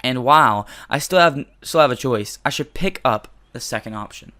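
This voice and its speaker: A man's voice: medium pitch, animated, moderate pace, bright, forceful tone. A young man hosting a let's play, reading a visual novel's narration aloud and breaking off for jokey, self-deprecating asides with casual swearing.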